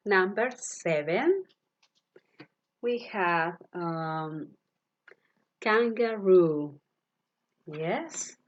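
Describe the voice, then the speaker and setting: A woman teaching English to primary school children, saying each animal word slowly and asking the kids to repeat it. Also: lowish voice, lively intonation, muffled recording. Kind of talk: online class, slow vocabulary drill. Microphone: computer mic, virtual class.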